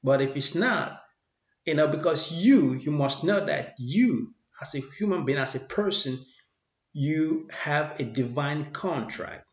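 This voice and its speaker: A man's voice: fairly high pitch, animated, measured pace. A man giving a rambling motivational monologue, often repeating his phrases in a preachy way. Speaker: motivational speaker. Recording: echoey room, dull lo-fi sound.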